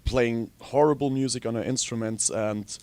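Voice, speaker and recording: Young Austrian-born musician, chatty and dry. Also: male voice, mid-range voice, moderate pace, no room sound. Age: young adult. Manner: relaxed, rambling, frequent ums. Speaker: guitarist and singer. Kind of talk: casual interview.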